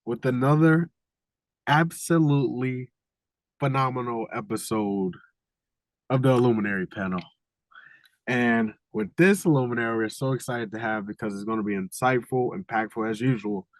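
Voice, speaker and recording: A man's voice: medium pitch, normal speed, no echo. Podcast host guy, pumped up intro voice, dry sound. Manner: hyped, promo-style. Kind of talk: upbeat podcast hosting.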